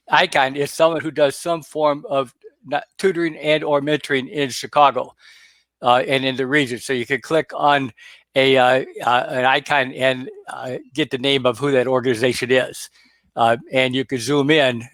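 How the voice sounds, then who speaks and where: A man speaking as a guest over a video call, explaining in a halting way with many fillers and restarts. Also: mid-range voice, steady tone, a bit bright, dry recording. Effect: heard over a video call. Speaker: guest presenter. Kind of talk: casual explanation on a webinar.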